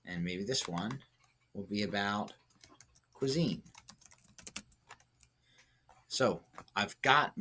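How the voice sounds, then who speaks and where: In a lowish, sharp voice, a male teacher works through a writing example out loud during an instructional lesson. He guides listeners step by step, pausing for brief check-in questions.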